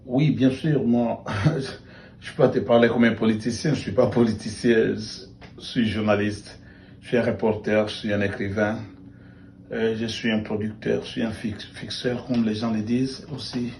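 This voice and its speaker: Congolese guy in a documentary interview, mellow low voice, kinda echoey room, hammers his points home. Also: steady tone, normal speed, vocal fry, a little hiss or hum. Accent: Congolese French. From Democratic Republic of the Congo. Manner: reflective, emphatic, repeats phrases for stress. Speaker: journalist and writer. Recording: echoey room with faint ambience.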